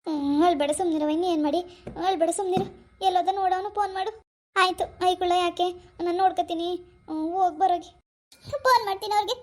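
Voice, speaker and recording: A woman plays a fretful older village mother in a cartoon. She chatters quickly, sighing and fussing. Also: extremely high pitch, fairly even intonation, a little mellow. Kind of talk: animated cartoon voice acting.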